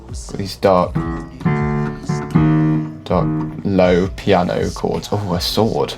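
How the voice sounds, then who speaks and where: A man's voice: deep voice, little pitch movement, extremely slow, vocal fry. A man, a classically trained musician, giving casual reaction commentary and musical analysis in a chatty, hedging way, often saying "like". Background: faint music from the reacted video.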